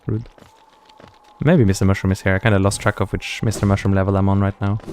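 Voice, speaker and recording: Scandinavian guy talking through his game run, fairly low voice, easygoing chatter, light hiss behind. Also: flat delivery, fast talker, darkish tone. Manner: thinking aloud, chatty, answers chat comments. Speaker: gaming streamer. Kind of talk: casual gameplay commentary.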